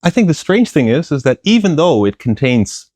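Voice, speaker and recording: A middle-aged man, a plant philosopher appearing as a guest, gives long, thoughtful conversational interview answers full of fillers and restarts, laughing lightly. His voice is a little high and a little mellow, sing-song, at a moderate pace, with no room sound.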